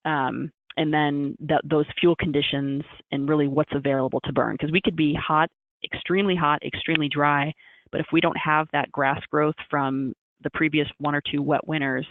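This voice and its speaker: A woman's voice: low voice, fairly even intonation, normal speed, no room sound. A woman meteorologist answering a question on a webinar video call, repeating words as she thinks aloud. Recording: tinny phone-like call audio with faint hiss.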